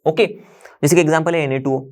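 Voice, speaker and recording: A man's voice: fairly high pitch, steady tone, fairly quick, a little mellow. Chatty male chemistry teacher. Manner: explains step by step, repeating "ok" and checking in; mixes English terms into Hindi. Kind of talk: classroom lecture. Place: standing at a board in a teaching studio.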